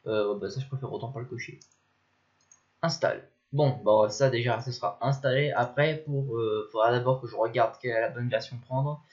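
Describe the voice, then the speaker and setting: A young man narrates his screen as he works, rambling and thinking aloud and grumbling at the programs under his breath. His voice sits at an ordinary middle pitch. The lo-fi mic gives it a dull, muffled sound, with mouse clicks behind. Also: darkish tone. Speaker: tutorial maker. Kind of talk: casual screen-recorded tutorial.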